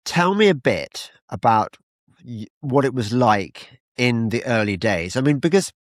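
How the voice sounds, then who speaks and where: A man's voice: medium pitch, animated, measured pace, no room sound, studio quality. An older man interviewing a guest, often stumbling and repeating words as he starts a question.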